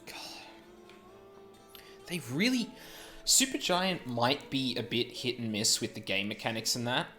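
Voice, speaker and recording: A man's voice: mid-range voice, big pitch swings, measured pace, long pauses, bright, forceful tone, faint music behind. A man giving casual commentary as he plays a video game. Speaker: gamer, let's player.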